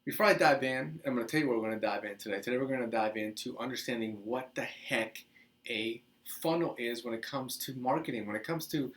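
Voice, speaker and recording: A man in his thirties, from the Dominican Republic, hosting a casual teaching video, talking with lively hand gestures in a small office. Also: medium pitch, fairly quick. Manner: animated, gestures a lot, chatty with restarts. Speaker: host. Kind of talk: casual teaching monologue to camera. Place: small office with couch, indoors.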